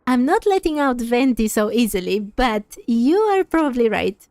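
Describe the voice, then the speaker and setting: A woman's voice: a little high, sing-song, moderate pace, darkish tone, no room sound, studio quality. A woman gaming host giving casual commentary as she plays through a game.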